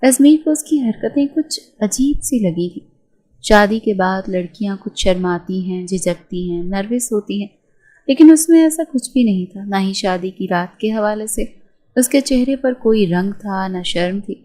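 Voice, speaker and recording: A woman narrating a romance novel in a steady, measured reading voice. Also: mid-range voice, poor audio. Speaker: storyteller.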